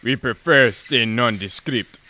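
A man's voice: medium pitch, a little slow, pushed and bright, a little hiss or hum. A man voicing a stern adult island tribesman who speaks in blunt, broken English. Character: gruff adult male island tribesman guard.

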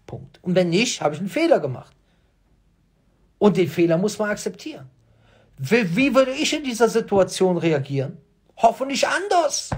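A man with a high, husky voice and a lively, swooping pitch speaks straight to his viewers as the host of his own channel. He argues insistently, firing off rhetorical questions and hammering home his points by repeating them. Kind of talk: emphatic monologue addressing viewers.

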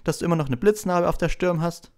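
A man's voice: a little high, fast, pitched above the performer's own voice, lightly acted. A man voicing an eager, breathless young schoolboy who gushes and stumbles over his words in an audiobook reading.

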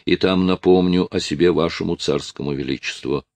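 A man's voice: low voice, fairly quick, darkish tone, no echo. A man voicing a resolute Russian musketeer commander who speaks firmly.

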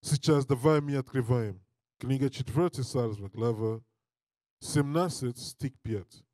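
A man preaching and reading scripture in non-native Russian with a foreign accent, halting and repeating his phrases. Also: mid-range voice, dark tone, dry recording, studio quality. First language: not a native Russian speaker. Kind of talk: Bible teaching with scripture reading. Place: indoor studio with draped backdrop. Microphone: handheld mic held close.

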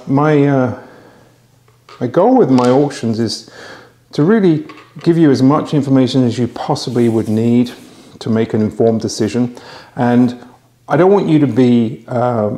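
Chatty middle-aged man with a mellow voice. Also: medium pitch, a little slow, echoey room. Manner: chatty, hesitant with restarts and fillers. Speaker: magic auction host. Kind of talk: casual promotional talk to camera. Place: home bar room with posters, indoors. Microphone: lapel mic.

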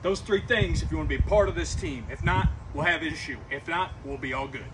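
A middle-aged man playing a stern, blunt high school football coach, giving a commanding pep speech with clipped check-ins in a comedy sketch. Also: a little fast, distant mic, noisy background, close to an everyday voice. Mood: firm. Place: outdoors in a grassy backyard. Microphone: camera a few metres away.

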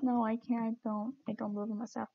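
A woman's voice: fairly high pitch, little pitch movement, fast, vocal fry, dull audio. A woman streaming her gameplay, chatting casually and mocking herself with giggles as she plays.

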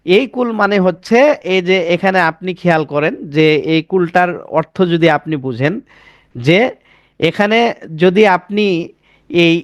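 A man with a high voice teaches an Arabic pronunciation class. He goes slowly, repeats each word and keeps asking if his students follow. The sound is close and dry, with no room echo. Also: lively intonation. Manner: explains slowly, repeats words, checks with students.

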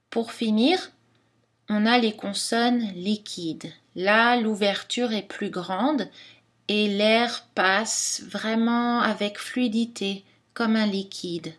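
A woman teaches phonetics at an unhurried, measured pace. She pronounces each sound carefully as she demonstrates it. Her voice sits at a middle pitch. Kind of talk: scripted lesson narration.

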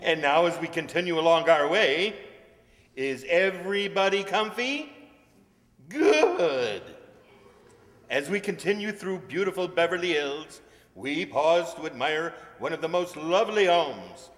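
On the stage of a large hall, a man performs as a cheery, chatty bus tour guide in an old-time radio comedy, announcing to his passengers with showy patter into a stand microphone. His slightly high voice is fairly bright, with lively intonation and a measured pace, and the stage sound is echoey.

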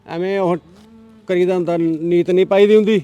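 A man's voice: high voice, fairly even intonation, brisk, dark tone, clear, resonant tone, dull audio, close to an everyday voice. A man playing a blunt, impatient village man in a village drama. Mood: gruff. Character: gruff village man sitting at the bar. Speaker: brother-in-law.

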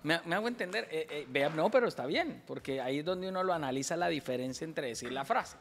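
A man with a Colombian accent, a comedian hosting a casual chat and telling jokes with animated acted-out voices. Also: a little high, quick pace, vocal fry, in a large hall. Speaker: comedian and show host.

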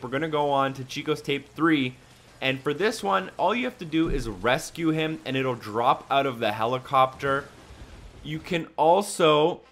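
With a somewhat bright mid-range voice and slight background noise, a man records a voice-over on a microphone for a video game guide, casually teaching the walkthrough one step at a time.

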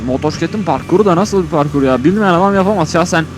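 This motovlogger's voice is fairly high and very fast as he thinks aloud inside his helmet while riding outdoors. His commentary is casual and rambling, set against music and road traffic.

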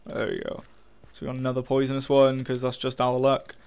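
A man's voice: medium pitch, completely flat delivery, a little fast, darkish tone, clear, resonant tone. A young man giving casual, frustrated commentary while playing a game, swearing often and talking to his viewers. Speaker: gaming channel host.

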